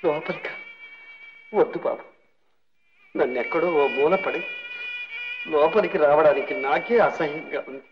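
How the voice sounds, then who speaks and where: A man's voice: a little high, a little slow, long pauses, close to an everyday voice. An actor playing an old ruined rich man with leprosy, humble and grief-stricken, speaking tearfully and pleadingly in a film melodrama. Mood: ashamed. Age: older. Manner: tearful, pleading, speaks with rising and falling emotion. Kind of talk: 1960s Telugu film melodrama. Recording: dull old film soundtrack with faint music.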